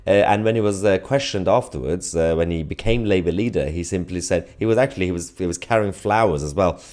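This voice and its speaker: A man with a deep, slightly mellow voice talks at a quick pace while hosting a live online political news commentary show. He addresses viewers in a sardonic, mocking, emphatic manner.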